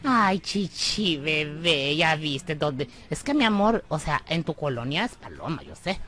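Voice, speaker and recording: A woman's voice: low-pitched, big pitch swings, unhurried, a bit bright. A young Salvadoran woman hosting a comic radio monologue, teasing and sassy, calling the listener amor and bebé. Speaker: radio comedy host.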